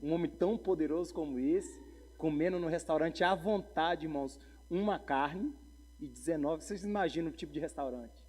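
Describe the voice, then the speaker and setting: A pastor, preaching a sermon full of humorous stories and calls to the congregation. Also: male voice, fairly high pitch, moderate pace, darkish tone, husky. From Brazil. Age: 40s. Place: church sanctuary. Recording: long church hall reverb.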